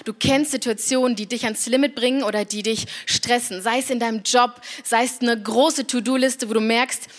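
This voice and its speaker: A woman's voice: a little high, steady tone, normal speed, hardly any pauses. A woman in her thirties giving a personal, confessional devotional talk, speaking straight to the listener. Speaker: church speaker.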